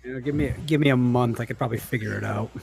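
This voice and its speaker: A man's voice: mid-range voice, racing, vocal fry, noisy background. A man chatting casually as a tabletop game player, hesitant and wry.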